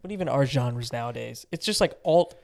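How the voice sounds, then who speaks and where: A man's voice: medium pitch, expressive, brisk, creaky, a little mellow, slight background noise. A young man co-hosting a podcast, chatting about music in a thoughtful, hesitant way with lots of fillers. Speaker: podcast co-host. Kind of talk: casual music review chat.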